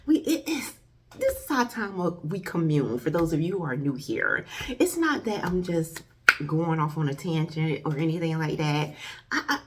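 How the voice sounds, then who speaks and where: A woman vlogger talking directly to her audience in a loose, chatty way. Her pitch swings widely and expressively. She keeps calling her viewers y'all and wanders into side stories before coming back to her point. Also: sing-song, moderate pace, noisy background. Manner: chatty, addresses viewers as y'all, rambling asides. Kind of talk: casual chat to viewers.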